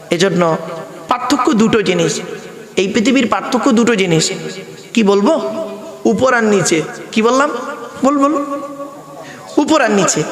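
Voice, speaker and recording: High-voiced preacher, echoing hall. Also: male voice. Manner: call-and-response, rhetorical questions. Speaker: Islamic preacher. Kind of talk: waz sermon to a gathering. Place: outdoor sermon pandal over loudspeakers. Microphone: handheld PA microphone. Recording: echoey hall, long reverb.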